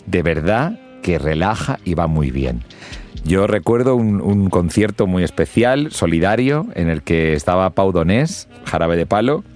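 Middle-aged male host, low register, very expressive delivery, coaching tone. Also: a little slow, soft background music. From Spain. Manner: lively, demonstrates pronunciation with exaggerated examples. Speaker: podcast host and public speaking mentor. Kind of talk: instructional podcast talk.

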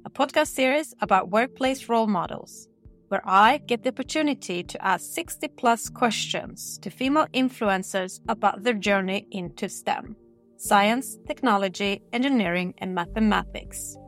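A woman's voice: medium pitch, moderate pace, a bit bright, faint music behind. A woman hosting a podcast, formally reading out prepared questions. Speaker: podcast host.

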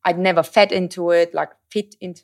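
A woman's voice: fairly low pitch, normal speed, creaky, crowd noise. German-accented woman telling a story. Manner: lively, self-correcting, searches for English words. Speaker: podcast guest. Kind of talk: casual storytelling chat.

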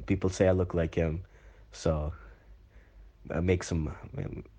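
A man's voice: sits low, flat delivery, unhurried, mellow, breathy edge, exaggerated voice. A man playing an upbeat, chatty male caller who gushes with fillers. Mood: enthusiastic. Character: chirpy enthusiastic male caller.

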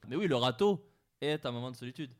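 A young man telling an animated anecdote in casual chat, acting out the quotes and laughing often. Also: medium pitch, fast.

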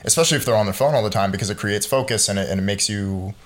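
A man's voice: on the low side, rapid-fire. A man in his mid-twenties, a podcast guest chatting casually and rambling through stories with lots of "like". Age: 20s. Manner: rambling storyteller, lots of fillers like "like". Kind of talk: casual chat.

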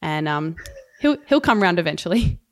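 A woman's voice: lowish voice, very animated, moderate pace. A woman hosting a podcast, chatting casually and playfully, often giggling. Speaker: podcast host. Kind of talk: casual chat.

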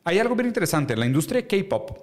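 A man's voice: high voice, quick pace. Slangy Mexican man telling a story. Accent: Mexican Spanish. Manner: casual, slangy, animated storytelling. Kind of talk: casual podcast chat.

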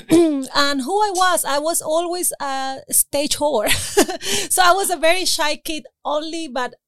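Animated woman, bright and close. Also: high voice, slow, dry recording. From Venezuela. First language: Spanish. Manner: animated storyteller, laughs often. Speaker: podcast guest. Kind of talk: casual interview chat. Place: recording studio.

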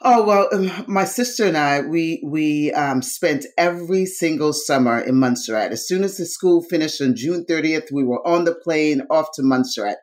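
A woman's voice: low voice, moderate pace, hardly any pauses, darkish tone. A woman from New York, a dancer, talking as an interview guest in an effusive, rambling way with many fillers. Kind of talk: casual conversation.

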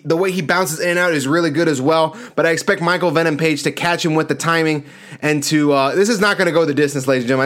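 A man with a somewhat high-pitched voice delivers casual sports commentary. He talks through his fight picks conversationally, leaning hard on key words and using plenty of slang. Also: fairly bright tone. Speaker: sports show host.

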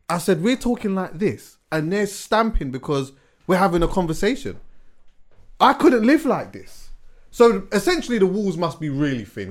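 Young male podcast co-host, lively, slightly raised pitch, casual storyteller. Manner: animated storyteller, drops to quiet asides. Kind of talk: casual chat.

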